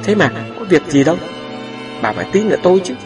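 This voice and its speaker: A man's voice: high-pitched, sing-song, fast talker, pitched above the performer's own voice. A man voicing an older village healer who talks in a raised, pleading, reassuring way. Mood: insistent reassuring. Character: older male village healer, anxious but insistent. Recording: distant mic with background music.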